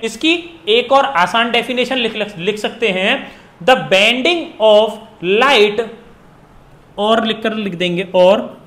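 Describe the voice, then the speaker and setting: A man from India teaching a physics lesson, repeating key phrases and dictating definitions slowly word by word. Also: sits high, fairly bright tone. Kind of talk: classroom physics lesson in Hindi and English. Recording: echoey room.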